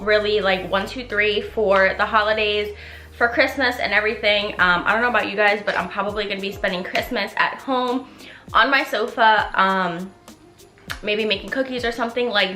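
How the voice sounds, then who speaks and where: A young woman, a beauty vlogger, chats her way through a casual makeup tutorial in a rambling, playful manner. Her medium-pitched voice has a sharp tone and sounds a little congested and nasal, and the room is echoey.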